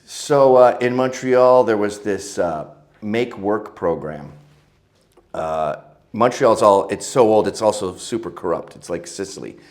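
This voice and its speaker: A man's voice: lowish voice, measured pace, darkish tone. A middle-aged man, telling stories as an interview guest in a crude, joking, provocative way. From Canada. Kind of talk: casual interview storytelling.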